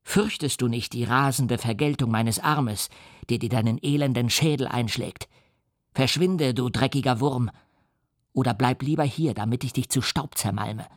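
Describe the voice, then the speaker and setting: A man's voice: medium pitch, moderate pace, no echo, close to an everyday voice. An outraged young scientist hurling curses, as a man reads him out in a storybook reading. His declaiming is vehement, with a dry, close sound. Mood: furious. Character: enraged young male scientist cursing his creation.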